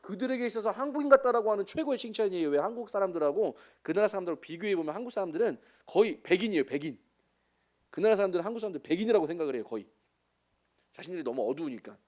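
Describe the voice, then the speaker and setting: A man's voice: sits high, lively intonation, very fast, a little mellow. A man in his forties with a Jeolla Korean accent, a missionary preaching a sermon with chatty, joking asides to the congregation. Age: 40s.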